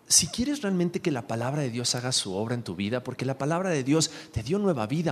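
A man's voice: medium pitch, in a large hall. A male pastor preaching a sermon, emphatic and asking the congregation questions.

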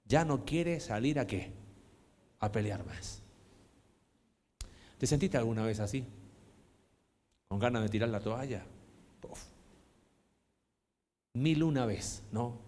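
A man preaching a sermon as a pastor, moving from hushed, quiet passages to loud, impassioned ones. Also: mid-range voice, expressive, takes it slowly, pauses often. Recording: long hall reverb.

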